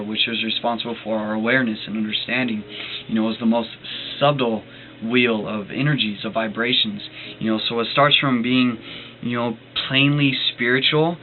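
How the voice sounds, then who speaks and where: Man, halting delivery, lots of fillers, earnest commentary, mid-pitched voice, tinny phone-quality sound with faint hiss. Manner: hesitant, with many fillers and restarts; earnest and enthusiastic about the subject. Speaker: reader explaining a book. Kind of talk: reading aloud with spoken commentary.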